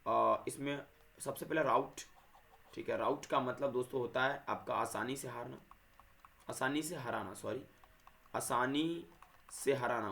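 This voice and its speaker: A man's voice: mid-range voice, creaky, fairly bright tone, a little hiss or hum. A man teaching vocabulary and grammar to viewers, repeating himself and correcting his own slips. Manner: repetitive, addresses viewers as friends; corrects himself mid-sentence.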